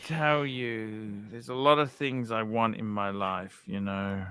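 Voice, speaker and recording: A man's voice: lowish voice, steady tone, slow pace, sharp tone, clean tone, no room sound. A man chatting bluntly and casually, heard through choppy, stuttering video-call audio that drops and drags. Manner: blunt, swears freely, opinionated. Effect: choppy, stuttering online-call audio. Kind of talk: casual group chat.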